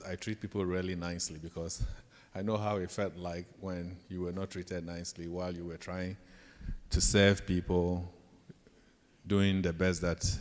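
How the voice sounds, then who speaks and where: In an echoey hall with long reverb, a low-pitched man with a Ghanaian accent tells leadership stories to students as their professor. He's anecdotal, acting out bits of dialogue as he goes.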